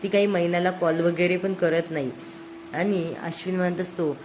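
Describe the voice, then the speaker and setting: Low-voiced woman recapping a serial. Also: fairly even intonation, normal speed, darkish tone, slight background noise, low-quality recording. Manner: plain storytelling, quotes each line of dialogue. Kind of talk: casual spoken episode recap.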